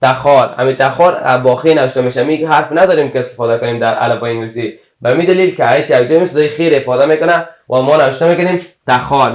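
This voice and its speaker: A man with an Afghan Dari accent teaching English letter combinations, repeating each example word slowly before giving its meaning. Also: medium pitch, roomy sound.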